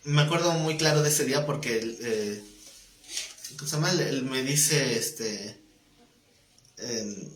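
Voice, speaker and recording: A man's voice: medium pitch, slow, long pauses, slight background noise. A man teaching a Bible class, telling an anecdote and acting out the dialogue. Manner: animated storyteller who acts out dialogue. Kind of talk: anecdotal live class talk. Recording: echoey room.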